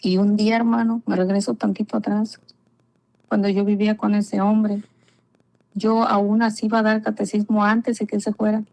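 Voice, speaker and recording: A woman's voice: mid-range voice, little pitch movement, moderate pace, gravelly, darkish tone, poor audio. A woman giving an earnest personal religious testimony, repeating herself and often calling the listener brother. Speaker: guest giving a faith testimony.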